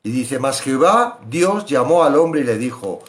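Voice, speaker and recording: A man preaching a sermon, animated, swinging loud questions to hushed asides. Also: medium pitch, normal speed. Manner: acts out biblical voices in quoted asides.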